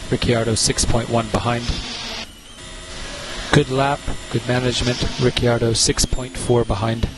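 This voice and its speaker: A male race engineer speaks over team radio in short, clipped instructions. His delivery is calm and encouraging, at a medium pitch, with music playing behind. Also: measured pace, low-quality recording. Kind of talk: terse radio instructions to driver.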